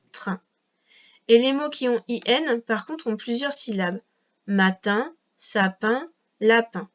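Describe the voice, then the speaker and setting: In a muffled recording, a first-grade teacher with a slightly high voice leads a young child through a reading lesson. She keeps a patient pace and articulates each word carefully.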